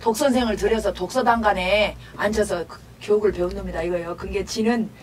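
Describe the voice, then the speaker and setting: A woman's voice: medium pitch, steady tone, fairly quick, a little hiss or hum. A woman teaching a Korean folk song, explaining the verses in a chatty, laughing, storytelling way. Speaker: pansori teacher. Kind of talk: sung folk verse then casual spoken explanation. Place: traditional music class room. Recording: singing class recorded from far off, music behind.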